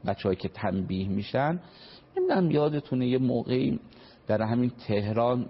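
A man's voice: mid-range voice, very animated, slightly rough. A man, a family counselor explaining parenting on a radio talk show, earnest and full of examples. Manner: earnest, explanatory, uses examples and polite formal phrases. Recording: dull lo-fi radio broadcast.

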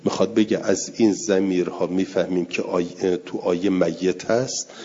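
A man's voice: deep voice, fairly even intonation, dark tone. A man teaching a lecture class, explaining recitation rules step by step and repeating his examples. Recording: dull lo-fi recording.

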